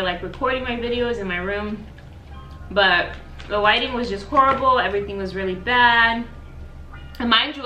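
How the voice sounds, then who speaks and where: A young American woman in her twenties, a YouTuber, chats casually through a mukbang, eating between sentences and saying "like" a lot. Her voice is medium-pitched and sharp, recorded poorly by a camera on a tripod at a distance as she sits on the living room floor by the sofa, and the room echoes.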